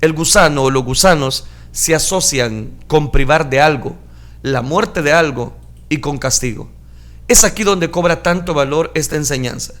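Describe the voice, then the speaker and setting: A male preacher giving a sermon, retelling scripture dramatically and switching between calm explanation and loud acted outbursts. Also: on the high side, moderate pace. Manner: dramatic, shouts acted crowd lines.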